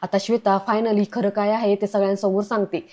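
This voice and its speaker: A woman giving a casual, chatty recap of a television serial and addressing her listeners as friends. Her voice is mellow and dark, and her pitch stays flat. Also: a little fast.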